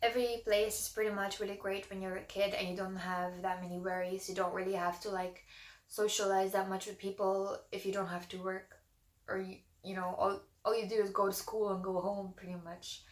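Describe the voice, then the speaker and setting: A woman in her twenties talks casually and openly to her viewers, her speech loose and full of "like" and "you know." Her voice sits at an ordinary middle pitch. The sound carries a noticeable room echo. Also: little pitch movement, fairly quick. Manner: frank, chatty, many "like"s and "you know"s. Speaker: vlogger. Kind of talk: casual personal talk to camera. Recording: echoey room.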